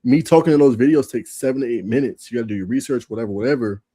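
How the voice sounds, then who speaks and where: A man co-hosting a sports podcast while sick with a sore throat, talking in a relaxed, slangy way. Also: mid-range voice, racing, breathy edge, no room sound. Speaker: podcast co-host. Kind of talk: casual sports chat.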